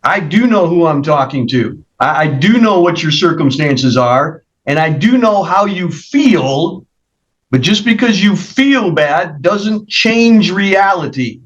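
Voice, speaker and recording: A stern male judge lectures firmly from the bench in a higher-pitched voice. The sound comes through a dull, lo-fi video call line. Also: animated, slow. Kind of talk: virtual court hearing.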